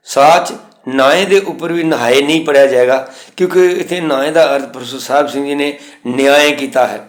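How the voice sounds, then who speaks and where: A man teaching scripture pronunciation, slowly reciting verse lines and then explaining them plainly. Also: mid-range voice. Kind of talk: instructional lesson. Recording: echoey room.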